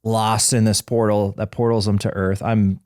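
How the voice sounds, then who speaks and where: A man's voice: fairly low pitch, flat delivery, moderate pace, darkish tone, no echo, studio quality. A man in his forties, co-hosting a podcast in casual chat and rambling through fillers and restarts. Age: 40s. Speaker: podcast co-host.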